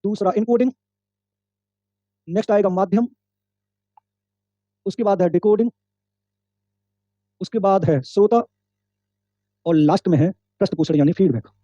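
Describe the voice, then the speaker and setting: A man's voice: high voice, normal speed, long pauses, dark tone, dry recording, dull audio. A male teacher giving an online exam-prep lecture, explaining step by step, repeating key points and quizzing his students. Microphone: microphone.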